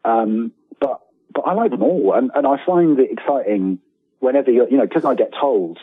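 An animated, mid-range male voice, slightly rough, keeps a moderate pace. As a freelance writer being interviewed, he's casual and self-deprecating, drifting around and frequently restarting what he says. It comes through a tinny phone-style connection with room echo.

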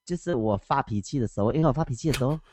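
Animated teacher telling stories. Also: male voice, medium pitch, very fast, noisy background. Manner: animated, laughs often. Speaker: schoolteacher. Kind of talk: casual storytelling on a call.

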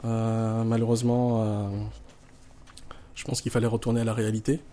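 A man's voice: fairly low pitch, monotone, normal speed, dark tone. A man with a Marseille French accent, talking casually as an interview guest with dry, tongue-in-cheek humour. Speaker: guest, poker player.

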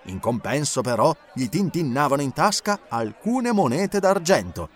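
Man reading a story out loud, lots of lilt, slightly high voice. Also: moderate pace, a faint crowd. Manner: expressive, lilting. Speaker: narrator. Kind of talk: audiobook reading.

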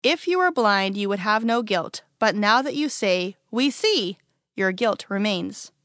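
A woman reading as a calm, blunt teacher. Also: medium pitch, unhurried, no echo, studio quality. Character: calm, authoritative grown male teacher. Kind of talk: storybook character reading.

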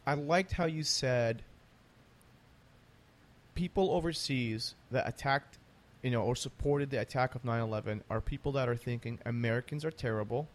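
At normal speed and medium pitch, this interview host keeps things conversational. He talks with emphasis, repeating phrases to hammer home his points.

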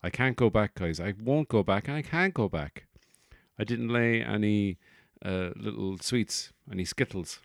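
A man's voice: on the low side, unhurried, creaky, dry recording, studio quality. A man hosting a solo comedy podcast, rambling through jokey, profane tangents. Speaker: podcast host.

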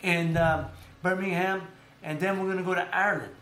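A man's voice: high voice, a little fast. Rambling man in an echoey room. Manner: rambling, animated storytelling with many fillers. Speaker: podcast host. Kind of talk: casual sports chat.

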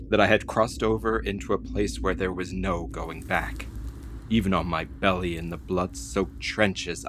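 A man narrating as a frightened young soldier held captive, telling it in a tense, hushed way. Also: on the low side, noisy background. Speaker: first-person narrator. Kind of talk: audio drama narration.

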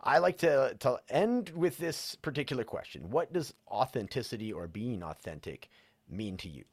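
A man hosting a podcast interview, warmly enthusiastic and often pausing on "uh" while he speaks. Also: medium pitch, lively intonation, husky, no room sound. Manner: enthusiastic, fills pauses with "uh". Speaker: podcast host. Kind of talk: interview host chat.

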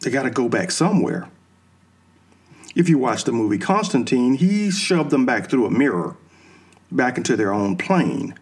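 A man's voice: medium pitch, very animated, breathy edge. A man talking through his ideas in an unscripted monologue, asking himself questions and then answering them. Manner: slow, musing explanations drawn from films and religion.

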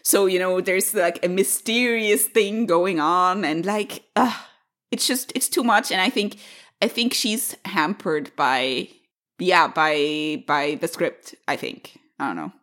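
A woman's voice: on the low side, takes it slowly, a bit bright. A woman co-hosting a podcast, chatting casually and trailing off into filler words. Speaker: podcast co-host. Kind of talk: casual chat about a TV show.

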